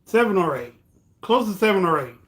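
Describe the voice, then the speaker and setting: A man's voice: high voice, very animated, fairly quick, fairly bright tone. A tipsy man hosting a casual livestream, chatting to viewers in a loose, rambling way and repeating himself. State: tipsy from drinking. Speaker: livestream host. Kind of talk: casual live chat with viewers.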